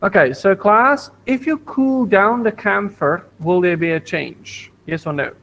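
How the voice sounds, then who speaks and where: A man's voice: sits high, unhurried, vocal fry, fairly bright tone, a little hiss or hum, low-quality recording. A man teaching a science lesson to a primary school class over an online video call, patient, repeating points and asking the class questions. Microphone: computer mic on video call.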